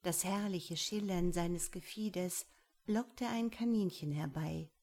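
A woman calmly reading a fable aloud, softly and at times in a near whisper. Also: fairly low pitch, slow pace. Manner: calm, soft, sometimes whispered narration. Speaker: storyteller.

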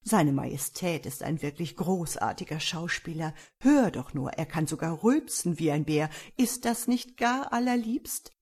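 A woman's voice: low-pitched, expressive, measured pace, few pauses, a little mellow, breathy edge, exaggerated voice. A woman doing a fawning, eager old duke. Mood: soothing. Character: vain, flattering old duke, anxious to please.

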